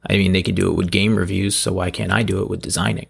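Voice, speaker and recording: Gravelly, hoarse man rambling on a podcast. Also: low-pitched, little pitch movement, quick pace. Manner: self-deprecating, loose, digressive. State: hoarse from allergies. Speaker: podcast host. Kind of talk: rambling casual solo podcast talk. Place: at home, in a room below a bathroom.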